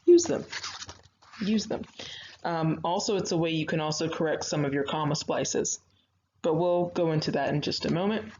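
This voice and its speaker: A woman's voice: deep voice, normal speed, darkish tone. A woman teacher giving an online writing lecture, explaining grammar step by step with chatty asides and fillers. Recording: slightly dull lo-fi audio, faint noise.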